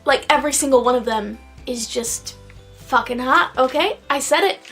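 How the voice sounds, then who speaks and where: A woman's voice: high voice, normal speed, bright, forceful tone, faint music behind. A tipsy woman vlogger giving a casual, sweary review in a rambling, exclamatory way, stretching out stressed words. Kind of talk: casual, profane video review.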